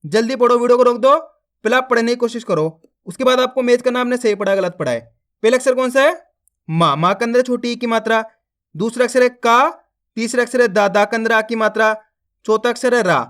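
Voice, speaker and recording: A man's voice: very high voice, fairly quick, a bit bright. A man teaching children to read. He sounds out each letter, joins them into a word, and speaks to the viewers as friends. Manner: encouraging, addresses viewers as friends. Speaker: Hindi reading teacher. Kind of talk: slow syllable-by-syllable reading lesson.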